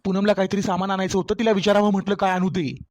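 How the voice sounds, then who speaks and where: A voice actor playing a young married son and brother in a cartoon family story, placating and hurried. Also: medium pitch, level tone, darkish tone, natural voice.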